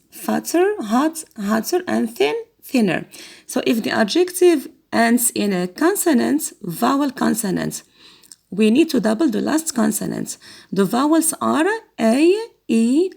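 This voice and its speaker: A woman's voice: a little high, lively intonation, gravelly, darkish tone. A woman teaching an English grammar lesson, patiently repeating words and asking learners to answer. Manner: slow, patient, repeats words for students to copy.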